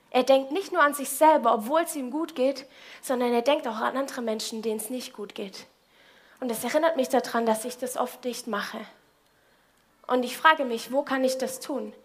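A woman giving a casual Bible devotional in colloquial speech, often turning to the listener with direct questions. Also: high voice.

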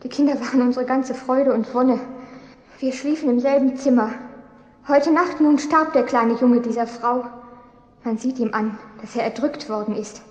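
Woman as a pleading young mother in a biblical radio play, high voice, echoey hall. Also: moderate pace, lo-fi sound, natural voice. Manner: pleading, emotional. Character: young mother fighting for her baby. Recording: reverberant hall echo.

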